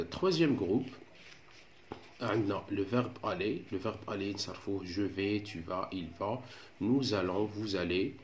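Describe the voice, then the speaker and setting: A man with a fairly low voice and an Algerian Arabic accent explains a French grammar lesson. He goes step by step at a patient pace and keeps checking that his pupils follow. Faint room ambience sits behind him. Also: a bit bright, slight background noise. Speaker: teacher.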